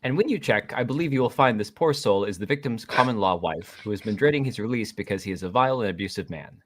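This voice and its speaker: A man reading the part of an android detective playing Sherlock Holmes at a live script table read, with a measured, explanatory delivery. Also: fairly low pitch, expressive. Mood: deducing.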